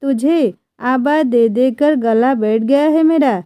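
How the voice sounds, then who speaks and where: A woman's voice: high-pitched, takes it slowly, dark tone, smooth, dry recording. A woman voicing a bossy old landlord father. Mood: commanding. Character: stern domineering older male landlord.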